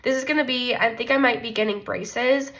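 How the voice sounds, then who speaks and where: A young woman who runs a budgeting vlog talks through her monthly budget, her voice a little high, slightly fast and a bit bright. She's congested from a cold, so she sounds slightly nasal. Chatty and self-deprecating, she thinks aloud and says "like" a lot.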